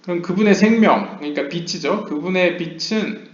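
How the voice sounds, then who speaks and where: A man giving a lecture. He reads English passages slowly and explains them at length, with frequent hesitation fillers. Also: high-pitched. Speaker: lecturer on Kabbalah. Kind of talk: lecture, reading text aloud and explaining. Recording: roomy, dull lo-fi home recording.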